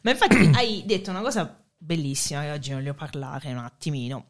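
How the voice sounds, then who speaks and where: A woman co-hosting a casual discussion show, explaining lively and readily agreeing with her partner. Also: low voice, brisk. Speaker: podcast co-host.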